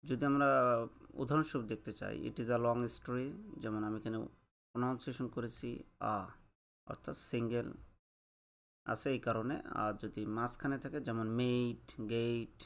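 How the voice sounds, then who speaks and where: A man teaching English letter pronunciation, slowly drawing out each sound and slipping English phrases into his explanations. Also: mid-range voice, steady tone. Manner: slow, deliberate, drawn-out letter sounds. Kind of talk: pronunciation lesson.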